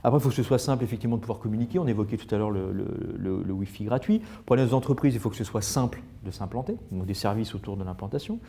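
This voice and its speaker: Fast-talking low man. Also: mellow. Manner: quick, listing examples, stammering restarts. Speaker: debate guest. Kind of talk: panel discussion.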